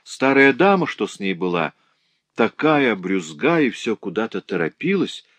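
Pushing his lowish voice upward, a man voices an audiobook character, a cheerful and tender-hearted young working woman who chatters with eager emotion. The delivery is very animated and a bit bright, at normal speed with no echo.

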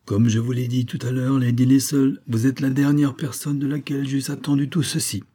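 A man voicing a smooth, scheming army major with a soft, conciliating manner. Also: mid-range voice, little pitch movement, a little fast, pitched above the performer's own voice, natural voice. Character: smooth scheming middle-aged male major.

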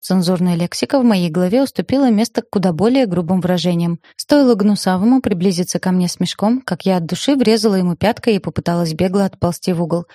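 A woman's voice: fairly low pitch, fast, few pauses, dark tone, dry recording. A woman narrating a first-person audiobook in a wry, ironic storytelling manner, close to the mic.

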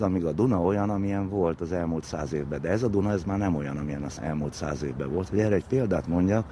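A man with a low, warm voice talks as an expert interviewee, laying out ideas informally in a lecture-like way and reaching for vivid comparisons. The recording has faint background noise and ambience.

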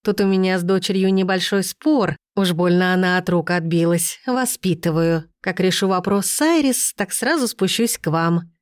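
A woman voicing a cruel, haughty noble stepmother who talks in a sneering, shrill way. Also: normal speed, few pauses, smooth, dry recording, studio quality, natural voice. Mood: sweetly false.

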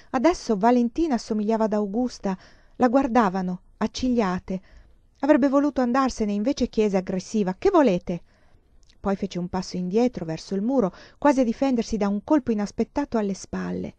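A woman reads a novel aloud in a measured, expressive literary manner. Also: mid-range voice, no room sound. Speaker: audiobook reader. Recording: dull lo-fi dry recording.

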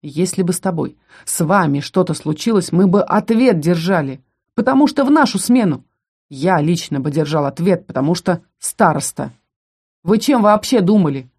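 A brash young male fighter snaps and sneers at everyone, as a woman reading the story puts him on. His voice sits low and dark, pushed loud and hard. He sounds bossy and scornful throughout. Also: expressive, normal speed, breathy edge. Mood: angry. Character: brash young male combat student, mocking and rough.

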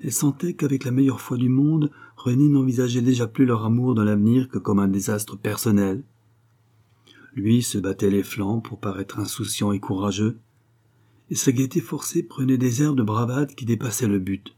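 A man narrating a classic novel as an audiobook, in a measured, expressive storytelling manner. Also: medium pitch. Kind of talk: literary narration.

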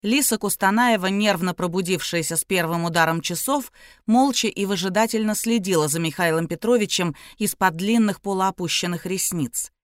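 A woman reading an audiobook in measured, even narration. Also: medium pitch, no echo, clean studio sound. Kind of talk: scripted narration.

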